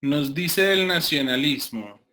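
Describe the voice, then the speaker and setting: A man from Colombia with a Colombian accent, giving an online class as a lecturer, talking deliberately with many fillers and restarts. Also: a little high, expressive, bright, forceful tone. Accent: Colombian Spanish. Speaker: university lecturer.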